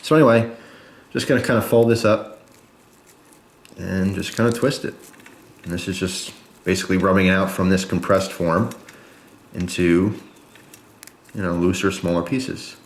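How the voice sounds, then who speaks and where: A man's voice: sits low, normal speed, long pauses, echoey room. A man chatting casually and informally to viewers, explaining step by step as he demonstrates a product in a review video.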